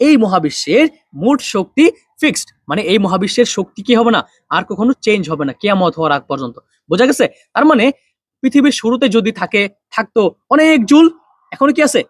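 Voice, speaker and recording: Fast-talking young male physics tutor. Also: sits high, very animated, no room sound, studio quality. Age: young adult. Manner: quick, drills students with repeated questions and answers. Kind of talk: online physics lesson.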